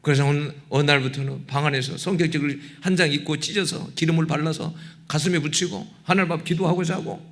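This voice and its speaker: A man's voice: a little high, steady tone, fairly quick, few pauses, fairly bright tone. A middle-aged man preaching a sermon as pastor in a church, emotional and rising into passionate appeals full of rhetorical questions. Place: church sanctuary.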